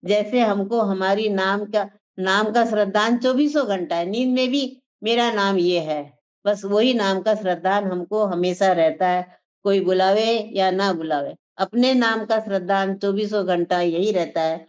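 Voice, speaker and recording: A woman gives a spiritual discourse to a class in an earnest, repetitive teaching cadence, circling back over the same phrases. Her mid-pitched voice is a little slow, and the recording sounds muffled, dull, and lo-fi.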